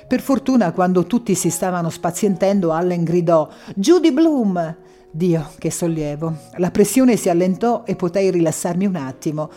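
A woman reads a first-person story aloud in a mellow, darker tone. Her narration is expressive and steady, with faint music underneath. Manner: expressive reading, voicing shouted quotes louder and higher. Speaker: audiobook narrator.

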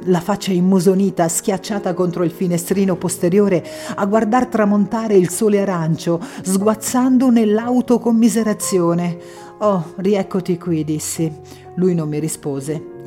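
A woman reads a first-person story aloud in a mellow, darker tone. Her narration is expressive and steady, with faint music underneath. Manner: expressive reading, voicing shouted quotes louder and higher. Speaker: audiobook narrator.

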